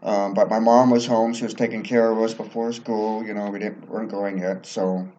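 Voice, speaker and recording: A man's voice: on the low side, little pitch movement, normal speed, mellow, slight background noise. Casual man, dull lo-fi recording. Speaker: interview guest. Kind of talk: casual anecdotal storytelling. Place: library basement.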